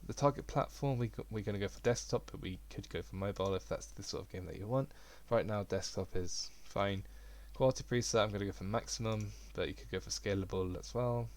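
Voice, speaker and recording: A young man giving a relaxed, rambling software tutorial at his computer. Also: on the low side, a little fast, hardly any pauses. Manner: relaxed, rambling, self-deprecating. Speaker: game development tutor. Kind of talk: casual screen-recorded tutorial.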